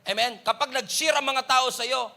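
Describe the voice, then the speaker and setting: At a moderate pace and with a creaky voice, a Filipino-accented male pastor preaches in mixed Tagalog and English, veering between loud exclaiming and quiet, low-spoken moments.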